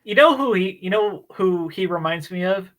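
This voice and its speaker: Male co-host, casual book chat, bright edge, animated filler-heavy delivery. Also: high-pitched, moderate pace, poor audio. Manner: animated, chatty retelling with many fillers. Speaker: book club podcast co-host.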